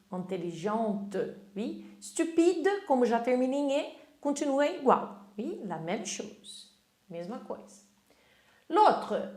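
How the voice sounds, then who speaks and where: A woman teaching French vocabulary, modeling words slowly and checking in with short tag questions. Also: on the high side, echoey room. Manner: slow, careful French pronunciation drills, then tag questions. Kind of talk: vocabulary lesson in Portuguese.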